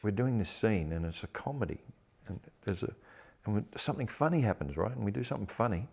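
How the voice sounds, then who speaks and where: A man's voice: fairly low pitch, animated, quick pace, vocal fry, a little mellow, slightly rough. An older man with a broad Australian accent, reminiscing casually and bluntly in an interview, with salty colloquial turns of phrase. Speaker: actor interviewee.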